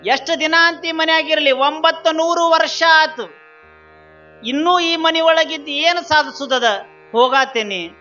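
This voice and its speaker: A firm goddess of wealth speaks in a high, bright voice with a North Karnataka accent, as a man puts her on in his storytelling. Her words come out resolute and declaring. The recording is slightly dull, with faint Carnatic music behind. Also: a little slow, exaggerated voice.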